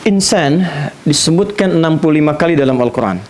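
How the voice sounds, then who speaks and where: A man preaching an animated sermon lecture, using playful asides for the audience. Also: a little high, brisk. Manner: animated, playful imitations of foreign speakers. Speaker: Islamic preacher. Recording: faint hiss.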